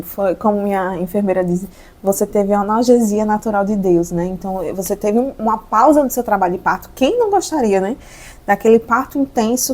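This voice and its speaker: A woman's voice: mid-range voice, darkish tone. A woman in her thirties with a Brazilian Portuguese accent, telling the story of giving birth in an earnest, emotional way and repeating phrases for emphasis. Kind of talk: personal storytelling.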